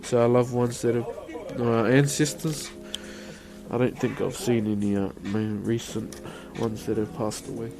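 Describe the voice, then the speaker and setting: A man of medium pitch talks at a measured pace with fairly even intonation and a broad New Zealand accent. He's chatting casually on a live stream, answering viewers colloquially and mate-to-mate, with plenty of "bro" and "eh".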